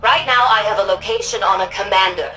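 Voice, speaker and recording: An actress playing an authoritative, wry older female city administrator in a sci-fi game, delivering scripted mission dialogue in a crisp, commanding manner. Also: medium pitch, brisk, pushed and bright, faint music behind, close to an everyday voice. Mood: brisk, businesslike.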